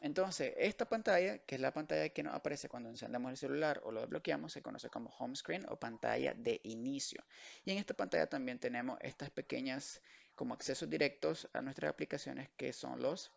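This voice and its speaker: A man's voice: mid-range voice, vocal fry, highs cut off. A man teaching English vocabulary to children in an online lesson, switching between Spanish and English and patiently repeating each word. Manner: slow, drilled repetition of words.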